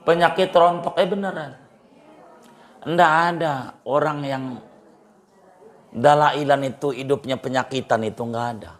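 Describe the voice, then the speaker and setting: A middle-aged man, a cleric giving informal religious advice, repeating phrases for emphasis and jumping in pitch. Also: measured pace, long pauses. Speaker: Islamic cleric.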